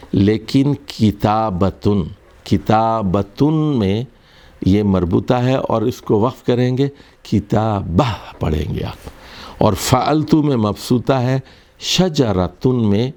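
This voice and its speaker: A man with a Pakistani Urdu accent teaching Arabic grammar in a recorded lesson. He explains slowly, repeats words, and often restarts with fillers. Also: on the low side, gravelly, dark tone.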